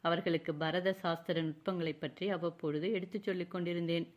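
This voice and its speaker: A woman's voice: lowish voice, steady tone, a little fast, lightly acted. A woman narrator voicing a young royal prince who speaks in a mocking, courtly way. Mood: teasing, courtly. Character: young royal prince, teasing then tender.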